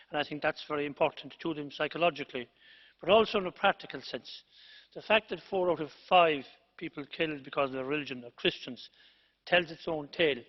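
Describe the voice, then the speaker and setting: Emphatic male MP in a reverberant chamber. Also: a little high. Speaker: member of parliament. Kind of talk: parliamentary debate speech. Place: parliament chamber. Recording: reverberant chamber, muffled broadcast feed.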